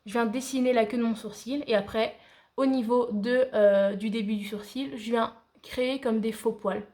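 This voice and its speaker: A woman's voice: on the high side, steady tone, normal speed, darkish tone. A woman giving a casual makeup tutorial, chatting to viewers like friends with frequent hesitations. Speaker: beauty vlogger.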